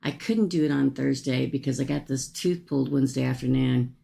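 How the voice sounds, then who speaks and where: Low, creaky woman with swollen jaw. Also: brisk, mellow. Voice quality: speaking with a swollen jaw and cheek after a tooth extraction. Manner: chatty, folksy, rambling, addressing viewers by name. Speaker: livestream host offering paid psychic-style readings. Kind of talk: casual livestream chat with viewers.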